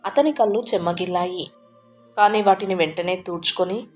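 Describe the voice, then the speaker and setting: A woman narrating an emotional family story in a measured, heartfelt storytelling manner. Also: on the low side. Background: soft background music.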